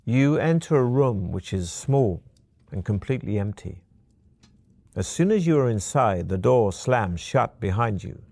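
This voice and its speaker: Slow, measured male gamebook narrator. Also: fairly low pitch, animated, a little mellow, dry recording. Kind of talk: second-person adventure narration.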